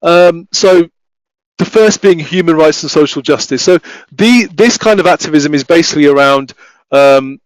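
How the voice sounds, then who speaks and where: A man giving an academic talk, speaking haltingly with many restarts and fillers. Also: fairly high pitch, dry recording, poor audio. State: voice failing, coughing. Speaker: academic researcher presenting.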